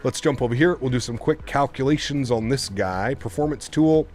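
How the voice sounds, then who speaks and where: A man with a medium-pitched, slightly mellow voice chats casually on his live stream as he programs a flight computer in a flight simulator. Talking at a normal pace, he thinks out loud and keeps asking his viewers for their opinions.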